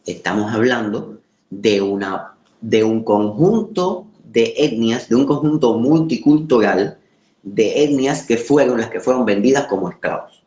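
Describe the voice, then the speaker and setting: A man from the Caribbean with a Caribbean Spanish accent gives an informal lecture, pausing to search for words and repeating phrases for emphasis. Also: mid-range voice, darkish tone, dull audio. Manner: emphatic repetition for rhetorical effect, halting word searches. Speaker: course lecturer. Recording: roomy, echoing sound.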